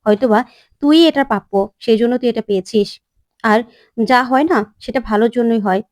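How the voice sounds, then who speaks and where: A kindly aunt gently comforts a worried young bride, as a woman storyteller puts her on. The voice is fairly high. It sounds close and dry. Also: fairly quick, no room sound, close to an everyday voice. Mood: comforting. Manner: gentle, encouraging.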